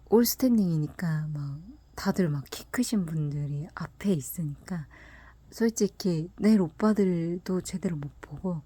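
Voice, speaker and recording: Woman telling a story half in a whisper, mellow low-ish voice, dead dry sound. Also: slightly rough, no room sound. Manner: soft, half-whispered delivery, laughs often. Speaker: fan telling a personal story. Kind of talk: casual storytelling monologue. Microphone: close mic, voice only.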